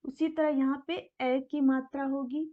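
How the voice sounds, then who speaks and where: A woman's voice: high voice, flat delivery, unhurried, phone-quality sound. A woman teaching a basic language lesson, patiently repeating each sound and asking questions she then answers herself. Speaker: Hindi teacher. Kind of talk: slow explanatory lesson.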